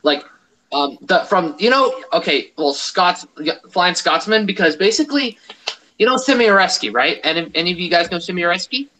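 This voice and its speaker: Excitable American man on voice chat. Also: high-pitched, moderate pace, poor audio. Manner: excitable, swears freely. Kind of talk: casual voice chat.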